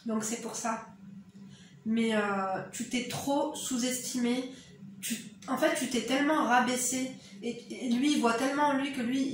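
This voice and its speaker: Algerian accent woman talking straight to the viewer, blunt motherly advice, voice a bit high, lots of room echo, mic kinda far. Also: slight background noise. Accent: eastern Algerian. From eastern Algeria. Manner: frank, direct, motherly advice-giving. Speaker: YouTuber. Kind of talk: casual advice commentary to camera. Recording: very echoey room, mic at a distance.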